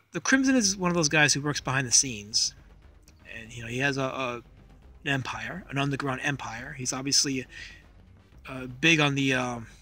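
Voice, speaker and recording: A man's voice: mid-range voice, sharp tone. A middle-aged man giving casual, unscripted drawing commentary outdoors, hesitant and thinking aloud as he works. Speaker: comic artist, video host.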